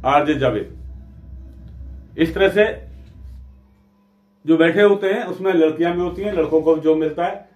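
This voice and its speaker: A man's voice: a little high, unhurried, long pauses, a little mellow, reverberant, highs cut off, faint music behind. Teacher man who answers his own questions. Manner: asks questions and answers them himself. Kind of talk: classroom physics lesson.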